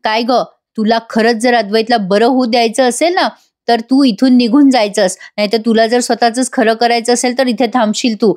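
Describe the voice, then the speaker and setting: A woman's voice: a little high, steady tone, normal speed, darkish tone, natural voice. A woman voicing a scheming, possessive middle-aged aunt who speaks bitterly and scolds. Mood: scolding.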